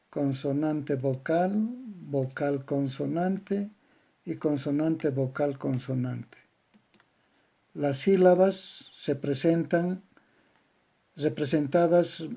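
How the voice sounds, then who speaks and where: A man with a Bolivian accent giving a slow, methodical grammar lesson, spelling out syllable patterns word by word. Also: on the high side, gravelly, warm tone, slightly rough. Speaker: language teacher. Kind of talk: slow didactic lecture on grammar.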